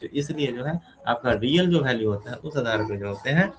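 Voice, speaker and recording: Male teacher, mid-pitched voice, talks through each step and quizzes himself, light hiss behind. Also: animated, brisk, rough recording. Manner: asks questions and answers them himself, counts step by step. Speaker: reasoning teacher. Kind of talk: explaining a classroom problem.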